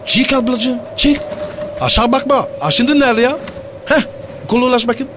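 An actor playing a cheeky young street hustler in a comic radio play, wheedling in slangy talk. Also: male voice, fairly even intonation, normal speed. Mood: coaxing. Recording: noisy background with rumble.

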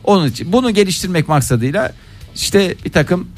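A man's voice: high voice, lively intonation, a little fast, faint music behind. A man co-hosting casual morning radio banter, playfully exasperated and mock-indignant. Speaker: radio show co-host.

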